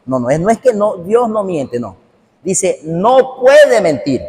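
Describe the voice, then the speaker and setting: Emphatic preacher in a reverberant hall. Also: male voice, sits high, very animated, unhurried, mellow. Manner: emphatic and repetitive, addressing listeners directly. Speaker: pastor. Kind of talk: preached sermon.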